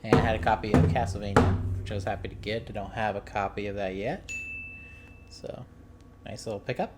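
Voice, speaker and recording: Low-voiced rambling man telling a story. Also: steady tone, a little fast, over loud music. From US Midwest. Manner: rambling, many ums and uhs and restarts; amused storytelling. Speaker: video game collector vlogger. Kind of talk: casual chat.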